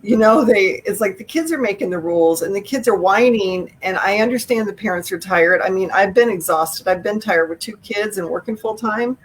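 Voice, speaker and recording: A middle-aged woman talks through a video call as an author in a conversational live chat. She is frank and opinionated and stresses her points with emphasis. Her pitch sits in an ordinary middle range, and a faint hiss runs under her voice. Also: moderate pace, few pauses, poor audio. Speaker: author guest.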